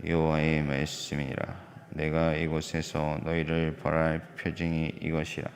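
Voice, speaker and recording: A man reads scripture aloud in church with a very deep, unusually smooth and resonant voice. His recitation is solemn and measured, and its tone stays flat and even from line to line. He moves through the passage at a steady rate. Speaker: scripture reader. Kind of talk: solemn Bible reading.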